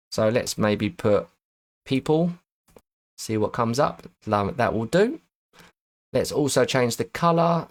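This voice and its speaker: Male tutor, mid-pitched voice, methodical and self-correcting, screen-recording walkthrough. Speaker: web design tutor.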